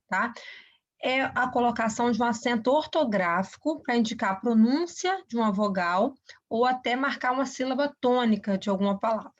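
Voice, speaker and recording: A woman teacher giving a recorded grammar lesson, explaining step by step and often checking in with short questions. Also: fairly high pitch. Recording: dull lo-fi recording.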